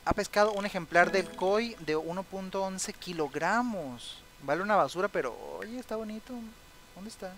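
A man's voice: sits high, moderate pace, fairly bright tone, low-quality recording. A young man casually commenting on his own gameplay. He chats along, reads the game's text aloud and often breaks into sympathetic exclamations. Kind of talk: casual let's-play commentary.

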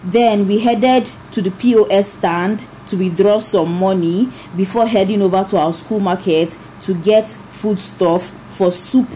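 A woman narrating her vlog as a calm voice-over. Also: mid-range voice, a little slow, hardly any pauses, soft background music, rough recording. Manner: calm recounting. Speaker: vlogger.

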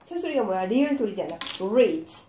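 A woman gives young children an English phonics lesson in a small, echoey room, with faint noise behind her voice. She speaks slowly and patiently, sounding out each letter carefully. Her pitch swings widely, which makes her delivery lively. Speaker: English teacher.

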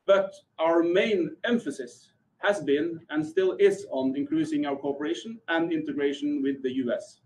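A man's voice: a little high, lively intonation, a little mellow, rough recording. A middle-aged man, a Norwegian army officer speaking English, delivering formal prepared remarks in a conference room. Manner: formal, measured.

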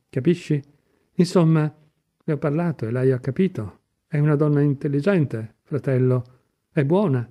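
A man's voice: fairly high pitch, mellow. A man doing a fatherly old police chief. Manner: earnest, coaxing, repetitive. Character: older male police chief, fatherly, kind-hearted, agitated.

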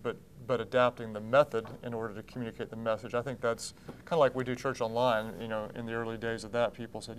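A pastor and church founder in his thirties sits as a guest in a TV studio with blue drapes, talking in a mid-range voice over slight background noise. He is earnest, gestures with both hands, and often restarts his sentences.

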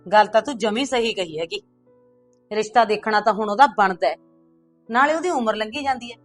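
A middle-aged woman acting a calm, practical mother who talks in a motherly way. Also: medium pitch, fairly quick, soft background music, natural voice. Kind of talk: short film dialogue.

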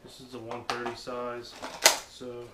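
A young man with a medium-pitched voice speaks at a measured pace, unboxing gear for his fishing channel. Relaxed and rambling with plenty of fillers, he's filmed by a camera across a small, dim living room, so echo and background noise come through.

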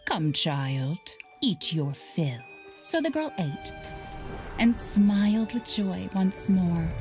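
A woman voicing a young mother in a video game, reading a dark fairy tale in a hushed storybook voice that sinks into whispers. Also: mid-range voice, animated, slow. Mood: hushed storytelling. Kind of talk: scripted game narration. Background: game music.

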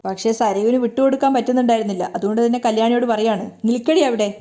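Brief: woman narrator, quick chatty recap of a soap plot, mellow slightly high voice. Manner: brisk, conversational storytelling. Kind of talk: casual story retelling.

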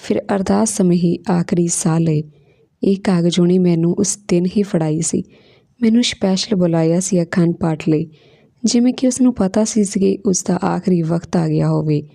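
A kindly elderly village woman speaks in a soothing, tender way, as a woman storyteller voices her. Her voice is dark and gravelly. The sound is dry and close. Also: lowish voice, moderate pace, dry recording. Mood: gentle. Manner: tender, soothing, calls the listener son.

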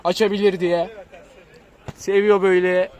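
A man giving live play-by-play football commentary, lifting into excited, drawn-out calls on shots and goals. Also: high voice, smooth.

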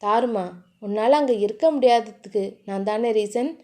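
A woman voicing a young husband, dropping her voice low to sound soft, gentle and affectionate. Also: normal speed, natural voice. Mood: tender. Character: lowered-voice young husband, tender and coaxing.

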